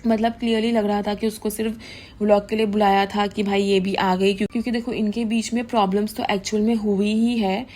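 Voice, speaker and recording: With a warm, mid-range voice that moves little in pitch, this young commentary vlogger talks fairly quickly. She delivers casual, indignant gossip in a chatty style, freely mixing English into her Hindi.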